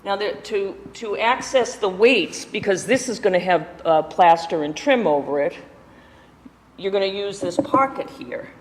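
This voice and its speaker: In an indoor workshop full of listeners, a window restoration teacher walks through each step of a hands-on demo while handling tools, joking at his own expense along the way. His mid-range voice is animated and a little slow, trailed by long reverb.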